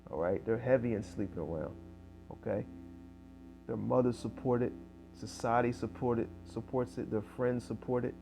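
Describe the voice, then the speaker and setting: A man's voice: mid-range voice, normal speed, vocal fry, soft background music. A man preaching in casual street style, reading scripture aloud and tagging lines with "okay?" and "man". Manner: fills with "man" and "okay?", reads verses louder.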